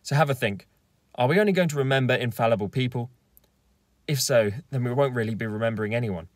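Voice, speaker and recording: A man's voice: medium pitch, quick pace, dry recording, studio quality. A young man in his twenties delivering scripted political commentary from inside a car, speaking in a firm, argumentative, lecturing way. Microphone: camera facing him at close range.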